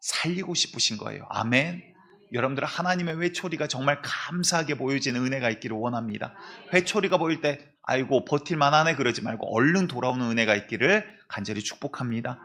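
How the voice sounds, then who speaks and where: A man's voice: mid-range voice, lively intonation, quick pace, bright, forceful tone. A man, a senior pastor, preaching a sermon and acting out the voices of biblical figures as he tells the stories. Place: church sanctuary.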